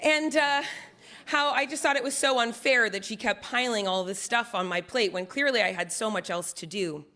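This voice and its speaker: A woman with a fairly high voice tells a personal story on stage. She is animated, conversational and pokes fun at herself as she goes. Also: normal speed. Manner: animated, self-deprecating, conversational. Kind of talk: live first-person storytelling.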